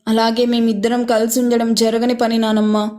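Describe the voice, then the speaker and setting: A woman's voice: a little high, level tone, moderate pace, natural voice. Woman voicing a tearful young bride. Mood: firm. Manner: speaks softly through sobs.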